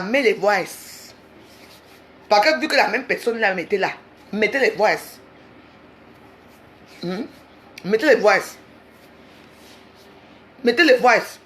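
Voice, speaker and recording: A woman's voice: medium pitch, fairly bright tone. A woman in a heated livestream rant, confrontational and repeating herself insistently. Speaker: social media livestreamer.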